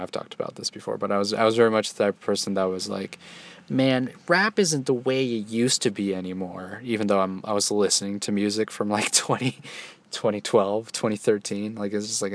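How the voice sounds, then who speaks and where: A young man in his twenties talking casually to the camera, loose and halting, with many restarts and fillers. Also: on the low side, dry recording. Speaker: solo vlogger. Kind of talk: casual rambling monologue.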